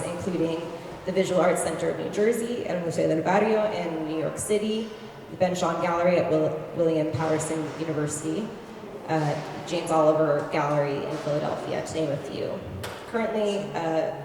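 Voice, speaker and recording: A woman with a somewhat low voice introduces artists at a museum, reading in a measured way. Her voice rings through a large gallery with a long echo, and a clear hiss sits behind it. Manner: measured, with fillers and small restarts. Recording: echoey gallery with long reverb and noise.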